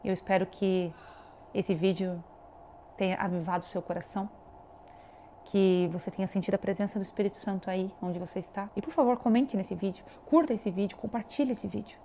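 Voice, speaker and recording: A woman's voice: medium pitch, a little fast, warm tone, slight background noise. Earnest woman preaching to camera. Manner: earnest, exhorting, addresses the viewer directly. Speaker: online preacher. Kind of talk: devotional video sermon.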